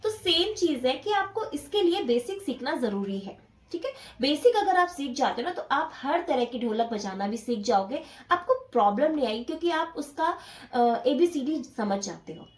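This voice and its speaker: A woman teaches the dholak step by step, patiently counting the beats aloud as she plays in an echoey room. Her voice is high-pitched and very animated, at a moderate pace.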